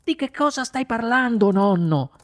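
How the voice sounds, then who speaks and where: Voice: medium pitch, animated, moderate pace, dry recording, studio quality, voice pushed up, natural voice. A reader voicing a curious wide-eyed little boy in a storybook audiobook, asking eager questions. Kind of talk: audiobook character voice.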